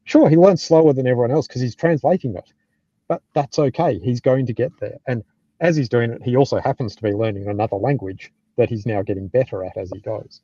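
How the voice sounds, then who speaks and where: A middle-aged Australian man with a dark, relaxed voice talks informally, offering blunt advice and stopping now and then to rephrase. The sound is close and dry but slightly muffled and lo-fi. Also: mid-range voice, a little fast, no echo. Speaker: tech team lead giving career advice. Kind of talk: casual advice and anecdotes.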